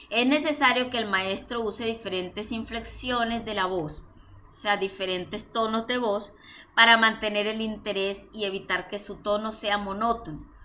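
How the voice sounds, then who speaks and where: Bright-voiced Colombian woman teaching. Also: fairly high pitch, a little hiss or hum. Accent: Colombian Spanish. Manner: reads points then explains them with fillers. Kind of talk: church teacher's lecture.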